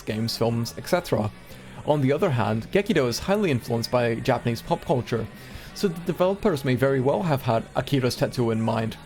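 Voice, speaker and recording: Male streamer from Singapore, middle pitch, reads aloud casually with asides over faint music. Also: a little mellow. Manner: casual, chatty asides between readings. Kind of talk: reading a magazine aloud on stream.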